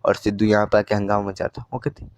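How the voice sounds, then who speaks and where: A man's voice: fairly low pitch, little pitch movement, fast, no room sound. Slangy man retelling a movie. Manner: slangy, joking, acts out the dialogue. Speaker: movie recap narrator.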